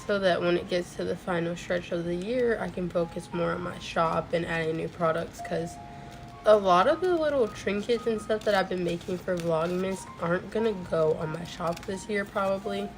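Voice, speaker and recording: A young woman streams herself crocheting at her home crafting setup, rambling casually and saying "like" a lot while faint music plays. Her voice is fairly low and moderately paced, and it sounds a little off from a recent cold.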